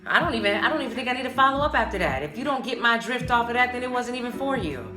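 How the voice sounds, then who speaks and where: Her voice sits on the high side and she sounds animated, talking very fast as the host of a laid-back solo podcast. She's blunt and forceful, full of slang and constant cursing, while music plays under a roomy, echoing sound.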